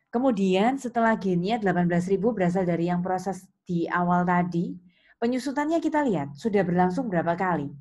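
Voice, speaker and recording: A mellow, medium-pitched woman teaches accounting, explaining worksheet entries in an interactive lecture. She proceeds step by step and checks understanding through questions. The background carries clear sounds of typing and mouse clicks.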